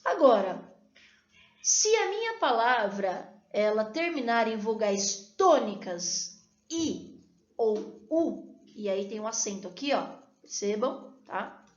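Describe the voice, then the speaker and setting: A woman's voice: a little high, sing-song, measured pace. A Brazilian woman teaching a recorded video lesson, explaining rules step by step and checking in with her students after each point. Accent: Brazilian Portuguese. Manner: explanatory, frequent checking tags. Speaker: Spanish teacher. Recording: echoey room, dull lo-fi sound.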